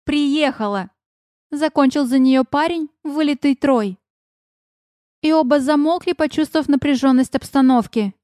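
Woman, audiobook narrator, high voice, dry close sound, even clear storytelling. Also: moderate pace, no room sound. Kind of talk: scripted first-person narration.

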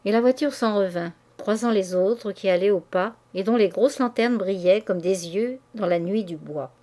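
A woman reads a classic novel aloud in measured, expressive literary narration. She takes the prose at an even, deliberate pace, letting each phrase land. Her tone is that of an experienced audiobook reader. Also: mid-range voice.

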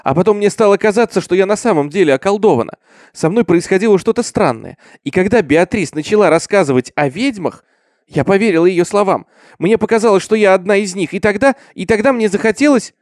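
Shrill, stammering peasant girl in terror for an audio horror story, put on by a male reader. Lively pitch, dry close sound. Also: a little fast, dry recording. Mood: confessing. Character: terrified young peasant girl accused of witchcraft.

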